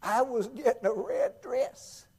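A man's voice: very high-pitched, huge pitch swings, unhurried, darkish tone, slightly rough, voice pushed up, heavily acted. A man voicing a devout, plainspoken mountain woman in a sermon story, earnest and insistent, with an Appalachian accent. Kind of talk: acted quote in a sermon story.

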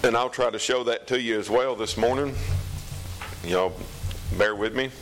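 A man's voice: mid-range voice, a bit bright, a little hiss or hum, low-quality recording. A man with a Southern US accent preaching an informal sermon as a pastor, in a folksy, conversational manner. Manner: folksy, conversational, hesitant pauses. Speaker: pastor preaching to his congregation. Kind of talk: informal sermon with scripture reading.

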